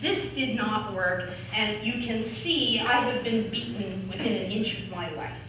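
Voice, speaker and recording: A woman's voice: medium pitch, a little slow, close to an everyday voice. Woman voicing a desperate, worn-out wife. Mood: pleading. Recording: echoey room from far off, noisy.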